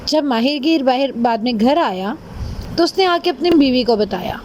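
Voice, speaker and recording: Female narrator, high voice, gentle expressive kids' storytelling. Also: slight background noise.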